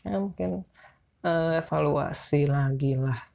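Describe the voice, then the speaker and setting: Mellow Jakarta man who can't roll his r's. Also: a little high, takes it slowly, creaky. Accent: Jakarta Indonesian. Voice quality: speech impediment on r, cannot roll his r's. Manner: informal, rambling, self-deprecating. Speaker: podcast host. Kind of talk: casual solo podcast chat.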